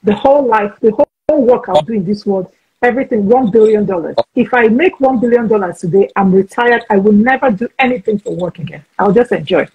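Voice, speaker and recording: Speaking quickly in a mid-range, slightly rough voice, a woman in her forties hosts a casual video-call interview. She is frank and chatty and keeps restarting her sentences, with phone-quality sound.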